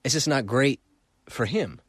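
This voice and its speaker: A middle-aged man hosts a solo podcast, telling his stories in an animated way. His pitch sits in an ordinary middle range, and he repeats phrases for effect. The recording is close and dry, with no room sound. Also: a little slow, dry recording. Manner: animated storytelling, acts out voices, repeats phrases. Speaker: podcast host.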